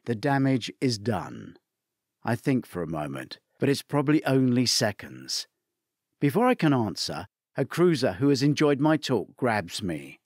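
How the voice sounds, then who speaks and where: A man reading a mystery novel aloud in the first person, his pitch rising and falling freely. His medium voice sits close to the mic in a dry, dead space. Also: dry recording. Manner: expressive storytelling. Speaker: narrator. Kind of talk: first-person audiobook narration.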